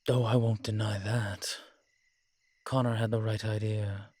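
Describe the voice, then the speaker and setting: Fairly low in pitch, a little slow, a little mellow, and slightly rough, this man's flat delivery has no room sound. He plays an ancient, haughty, world-weary vampire in a one-sided roleplay drama, grumbling and watchful, with wry, old-fashioned fancy words.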